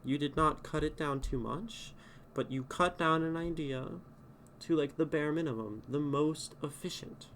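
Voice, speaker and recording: On a live stream at home, a man takes his time going over a poem, reading lines back and reworking them as he thinks aloud in a relaxed way. His voice is a little high and somewhat bright, with slight background noise.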